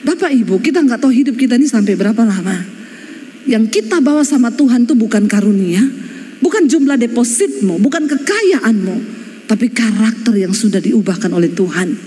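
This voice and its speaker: A woman pastor, preaching a lively, emphatic sermon with folksy humor. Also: on the high side, fairly quick. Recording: long church hall reverb.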